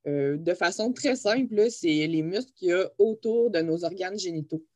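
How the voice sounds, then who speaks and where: A woman's voice: lowish voice, expressive, moderate pace, warm tone, dry recording. A woman with a Quebec French accent, a physiotherapist co-hosting a podcast, explaining anatomy in a chatty way and laughing easily. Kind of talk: casual explanatory podcast chat.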